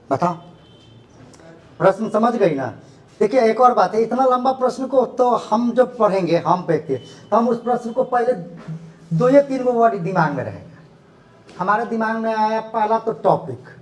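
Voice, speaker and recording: High-pitched male classroom teacher. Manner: animated, rhetorical questions to students. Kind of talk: classroom lecture.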